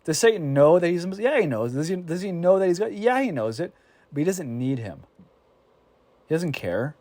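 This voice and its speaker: A man leading a casual Bible discussion, animated, often restarting his sentences and acting out quoted exchanges. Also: a little high, normal speed, no room sound. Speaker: Bible study teacher.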